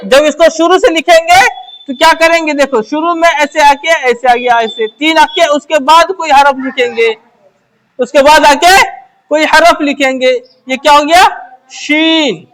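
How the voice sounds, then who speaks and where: High-voiced woman drilling letters. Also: steady tone, unhurried. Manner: asks questions and answers them herself, repeating phrases. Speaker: Urdu teacher. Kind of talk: letter-by-letter script lesson.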